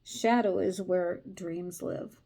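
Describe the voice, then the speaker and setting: Woman reading as a calm, knowing lizard. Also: fairly low pitch, takes it slowly, vocal fry, full character voice. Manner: read aloud from a card book. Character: calm knowing male desert lizard, a dreamer.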